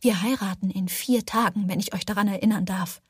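A woman's voice: mid-range voice, fairly even intonation, brisk, slightly rough, no echo, studio quality. A woman reading the lines of an outspoken, indignant young woman in an audiobook, reproachful in tone.

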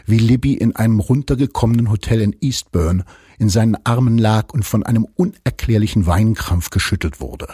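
A man narrates a novel in measured, steady storytelling. His voice sits low and sounds husky. The recording is dry, with no room echo. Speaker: audiobook narrator. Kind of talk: scripted narration.

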